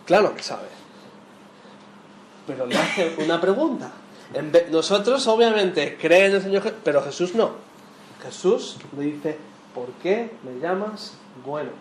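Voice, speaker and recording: A man's voice: fairly high pitch, expressive, a little slow, pauses often. Conversational man from teaching the Bible. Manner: conversational, quizzing the audience with tag questions. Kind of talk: interactive Bible lesson. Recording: echoey room with faint noise.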